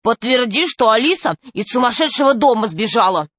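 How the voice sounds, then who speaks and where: A woman reading a storybook, voicing a boastful, excitable schoolboy who insists on his story. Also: a little high, brisk, slightly rough, no room sound, voice pushed up. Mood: eager boasting. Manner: insistent, eager.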